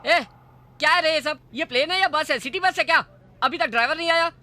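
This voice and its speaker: A woman's voice: high-pitched, fast talker, slight background noise. A woman playing a cheeky, boastful middle-aged male passenger in a comedy skit. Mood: grumbling. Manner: cheeky, boastful, loud complaining.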